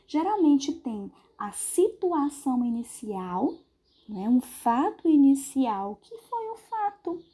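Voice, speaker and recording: A Brazilian woman teacher giving a recorded class lesson, explaining patiently, checking in with her students and slowing down to stretch out example words. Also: on the high side, warm tone, slightly rough. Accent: Brazilian Portuguese. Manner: patient, explanatory, checks understanding with tag questions.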